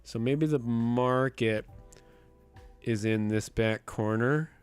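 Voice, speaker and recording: A man streaming live with a sick, rough voice. He chats casually and thinks aloud as he builds a map, often counting under his breath. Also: medium pitch, slow pace, soft background music. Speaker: streamer and host.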